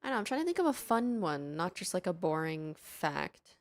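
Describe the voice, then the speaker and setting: A woman's voice: on the low side, sing-song, normal speed. A young adult woman streamer chatting casually with her viewers during a live game stream, greeting them by name. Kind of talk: casual livestream chat.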